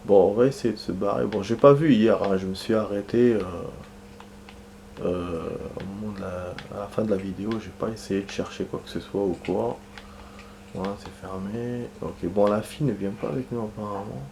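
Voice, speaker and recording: A man's voice: on the low side, fairly even intonation, normal speed, gravelly, background noise. A man giving casual let's-play commentary, rambling and hesitant, with lots of fillers and restarts. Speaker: gaming commentator.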